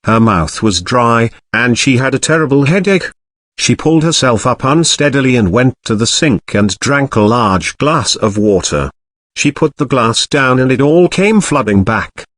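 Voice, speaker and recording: A man narrating a crime novel audiobook in a measured, expressive storytelling manner on a close mic. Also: medium pitch, dry recording.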